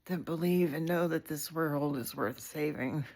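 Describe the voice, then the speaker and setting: Low-voiced woman talking candidly on a live stream. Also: measured pace, creaky, a little mellow. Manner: heartfelt, candid, sprinkled with swearing and fillers. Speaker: community leader hosting a live video. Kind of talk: casual livestream talk.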